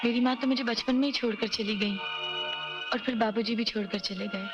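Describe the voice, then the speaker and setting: An actress playing a shy, polite young woman speaking softly and hesitantly in a Bollywood film. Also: fairly high pitch, fairly even intonation, a little fast, muffled recording, close to an everyday voice. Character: shy polite young woman visiting her beau's mother. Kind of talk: 1990s Bollywood film acting. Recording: film soundtrack with background music.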